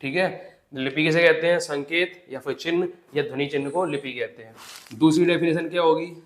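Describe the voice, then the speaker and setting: Man, grammar teacher, slightly high voice, step-by-step explanations, echoey room. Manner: explains step by step, repeats example words slowly. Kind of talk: exam-prep grammar lesson.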